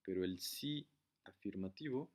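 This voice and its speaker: A man's voice: sits low, expressive, unhurried, a little mellow. A man giving a casual, step-by-step grammar lesson while writing on a board. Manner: casual, explains step by step, writes while talking. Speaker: teacher.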